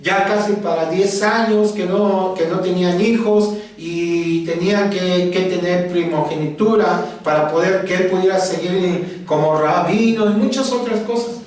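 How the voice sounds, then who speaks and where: A male pastor preaching a storytelling sermon, repeating phrases dramatically. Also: high voice. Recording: very echoey hall, distant mic.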